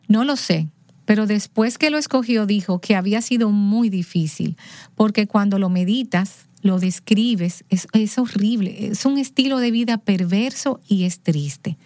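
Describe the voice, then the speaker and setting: A woman telling a personal story as an interview guest, lively, acting out the lines of people in her story. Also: mid-range voice, unhurried, no room sound, clean studio sound.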